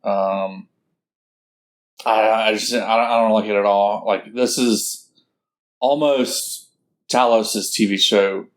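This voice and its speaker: A man's voice: fairly low pitch, fairly even intonation, slow pace, long pauses. A man co-hosting a podcast in casual chat, hesitant, with stammered restarts and many fillers. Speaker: podcast co-host.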